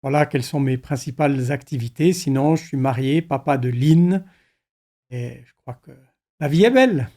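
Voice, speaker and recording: A middle-aged male pastor speaking calmly and thoughtfully in a conversation. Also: mid-range voice, normal speed. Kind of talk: reflective conversation.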